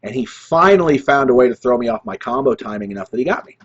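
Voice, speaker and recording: A man's voice: medium pitch, sing-song, fast, highs cut off, slight background noise. A man in his thirties, a streaming show host, telling rambling gaming stories in casual chat with chuckles and restarts. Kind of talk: casual gaming story monologue.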